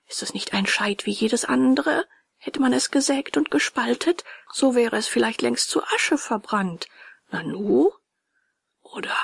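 A woman voicing a timid old male carpenter who stammers and mutters to himself in a breathy, half-whispered voice. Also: fairly high pitch, no room sound, heavily acted.

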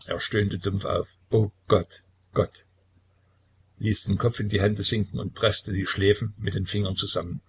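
A man reading a novel aloud as an audiobook narrator, in measured, even storytelling. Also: lowish voice, creaky, breathy edge. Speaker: audiobook reader. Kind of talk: scripted narration.

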